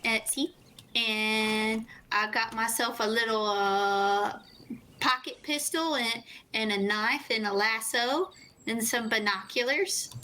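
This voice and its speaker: A woman's voice: a little high, steady tone, slow, sharp tone, a little hiss or hum, poor audio. A young woman in character in a roleplay game, talking in a cheerful, folksy way. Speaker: roleplay player.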